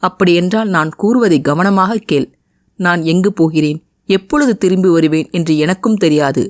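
Steady young hero, read by a woman narrator: earnest, reassuring, dry close-miked tone. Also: fairly low pitch, normal speed, no room sound, natural voice. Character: young man, steady hero, gentle but firm.

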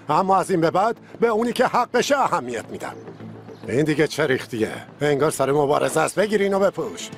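An actor dubbing a stern but caring older boxing coach in a TV drama. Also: male voice, high voice. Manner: scolding, then calming. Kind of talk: dubbed TV drama. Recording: TV drama dub with faint music.

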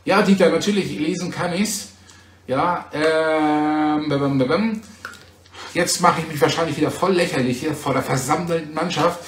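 A man's voice: on the high side, steady tone, normal speed, fairly bright tone, echoey room, slight background noise. A German man hosting a livestream from home, chatting casually with viewers in a teasing, talkative way and often checking back with "ja?". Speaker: livestream host. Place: home in Poland. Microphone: phone.

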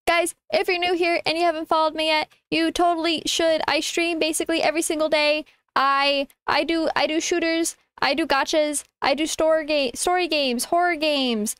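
A woman's voice: high-pitched, a bit bright, dry recording. A young woman livestreamer chatting casually to her viewers in a cutesy, informal, affectionate way. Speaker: livestreamer, VTuber.

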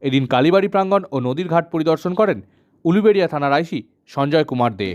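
A male news reporter with a West Bengal accent narrates a scripted report. He speaks very quickly in a slightly high voice. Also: lively intonation, a little mellow, highs cut off, a little hiss or hum.

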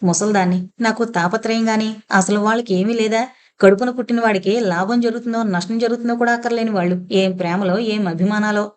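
A woman's voice: medium pitch, steady tone, fairly quick, darkish tone, natural voice. Woman voicing a domineering old grandmother. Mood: complaining. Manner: scolding, sarcastic. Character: domineering elderly grandmother, sharp-tongued matriarch.

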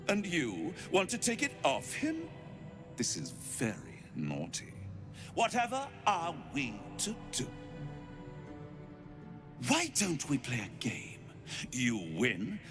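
An actor playing a sly, seductive incubus demon in a video game, theatrical and purring, with drawn-out words and whispered asides. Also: male voice, medium pitch, heavily acted. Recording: music behind the voice. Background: game music.

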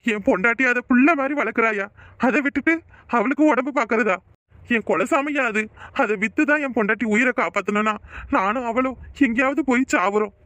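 A poor village cowherd, desperate and wailing, as a man voices him. The voice sits very high with a bright edge, recorded dry and close for a cartoon. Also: brisk, dry recording. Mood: anguished. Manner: pleading, wailing. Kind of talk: cartoon voice acting.

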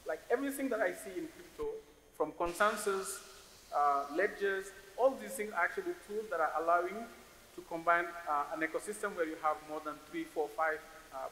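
Man from Senegal, conference panelist, bright voice, roomy hall echo, faint hiss. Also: high-pitched, a little fast. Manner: thoughtful, repeats words while searching for phrasing. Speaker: investor panelist. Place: large conference hall stage. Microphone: stage microphone on a stand.

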